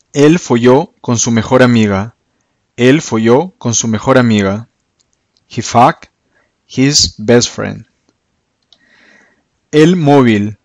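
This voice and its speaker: A man teaching slang as a language teacher, repeating each word slowly and clearly before translating it. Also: mid-range voice, dry recording. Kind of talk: slow, careful vocabulary lesson.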